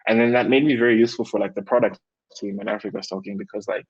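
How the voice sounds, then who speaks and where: A man's voice: on the low side, rapid-fire, husky, highs cut off. A young man from Malawi, a tech guest speaking casually in an interview with lots of fillers. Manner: relaxed, many fillers like "like" and "um".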